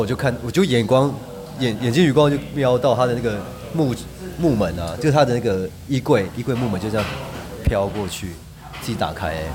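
Fast-talking man. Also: mid-range voice. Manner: rambling, animated anecdotes with frequent restarts. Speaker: podcast guest. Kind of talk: casual storytelling chat.

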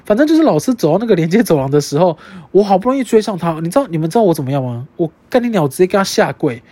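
A young adult podcast host with a Taiwanese Mandarin accent, telling a story in casual chat, animated and swearing freely. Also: mid-range voice, racing, dry recording.

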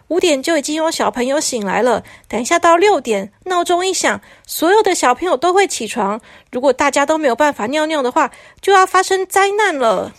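A woman's voice: high voice, no room sound, studio quality, voice pushed up. A woman playing an anxious envoy in a children's storybook, pleading and eager to please. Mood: urgent.

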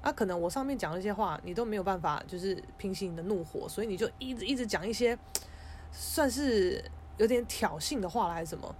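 A young woman, hosting a podcast, telling a personal story in a casual, animated way, with frequent restarts. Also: medium pitch, fast talker, a little hiss or hum. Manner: animated, frequent restarts and stammers, mimics others in quotes. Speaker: podcast host.

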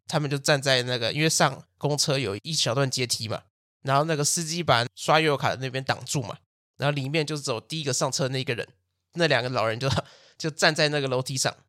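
A man's voice: mid-range voice, fast, no echo, studio quality. A young man, casually telling a story as a podcast host and acting out the quotes. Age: young adult. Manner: animated, acts out quotes, laughs and swears.

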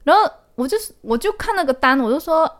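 A woman co-hosting a podcast in casual chat, telling stories in an animated way and dropping English words into her speech. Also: high voice, fast talker. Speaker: podcast co-host.

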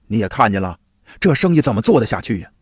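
A man's voice: fairly low pitch, big pitch swings, quick pace, husky, no echo, studio quality. A man voicing a discouraged, exasperated street food seller in a told folk tale. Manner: weary, exasperated. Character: discouraged struggling roast-goose seller man.

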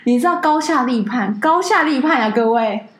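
A woman co-host tells stories in a casual, animated chat, her voice swinging widely. She talks fast and sits fairly high. The room adds a noticeable echo. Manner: animated storyteller, mimics people in a high voice. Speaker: podcast co-host.

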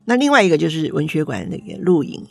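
Gravelly older woman telling family stories. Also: low voice, huge pitch swings, fast, darkish tone, no echo, faint music behind. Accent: Taiwanese Mandarin. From Taiwan. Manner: folksy, chatty, acting out family dialogue. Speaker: author. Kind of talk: storytelling talk.

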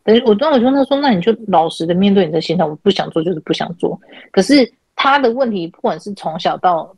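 Husky-voiced woman host. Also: mid-range voice, fast, no echo, poor audio. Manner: animated retelling, acting out quoted dialogue. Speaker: podcast host and spiritual counselor. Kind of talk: casual chat, telling client stories. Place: online chat room call.

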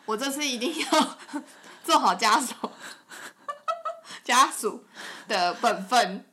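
A woman's voice: fairly high pitch, wildly swooping pitch, takes it slowly, sharp tone. A woman with a Taiwanese Mandarin accent co-hosting a podcast, telling her side of a story in playful casual chat. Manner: playful, laughs often while telling a story. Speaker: podcast co-host.

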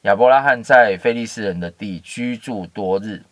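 A man's voice: fairly low pitch, normal speed, no room sound. A man giving a casual Bible teaching, reading scripture and adding chatty asides with many fillers. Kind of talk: casual Bible story commentary.

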